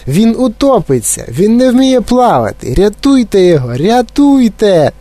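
A man's voice: lively intonation, brisk, a little mellow. A man doing a shrieking panicky mother. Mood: panicked. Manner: shrill, panicky, scolding. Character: frantic shrieking mother, plump middle-aged woman.

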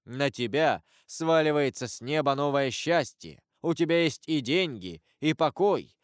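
A man voicing a stern, solemn avenger disguised as a priest, speaking gravely and in measured sermons. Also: on the high side, expressive, no echo, studio quality.

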